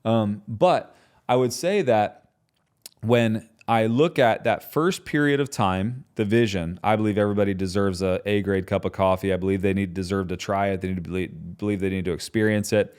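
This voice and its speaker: A man hosting his own podcast, talking in a passionate, conversational way and often tagging his points with quick questions. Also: lowish voice, a little mellow, clean tone. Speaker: podcast host and business founder. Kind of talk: solo podcast talk.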